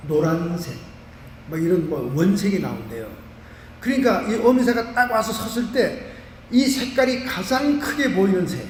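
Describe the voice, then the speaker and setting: High-voiced Korean pastor preaching in hall. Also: male voice, a little hiss or hum. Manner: animated preaching with vivid everyday examples. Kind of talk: sermon. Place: church sanctuary. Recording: roomy church hall from a distance.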